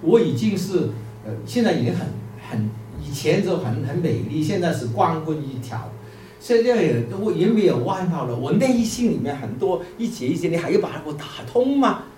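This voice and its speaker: Man playing a proud bamboo stalk, pleading, stammering, high, distant mic. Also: very animated, moderate pace, warm tone. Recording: echoey room, distant mic, faint music.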